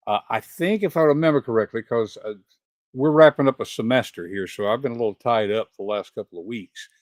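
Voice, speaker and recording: An older man with a Southern accent hosts an interview over a video call. His voice sits at a middling pitch and sounds close and dry, without any room echo. He talks conversationally and often thinks aloud as he goes. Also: a little fast. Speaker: host.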